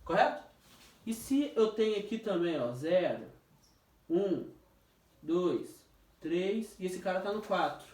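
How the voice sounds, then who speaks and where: A man's voice: high-pitched, animated, darkish tone. Man teaching physics in an echoey room. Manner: jokey, questioning, drawn-out stressed words. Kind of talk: informal classroom review. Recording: echoey room, distant mic.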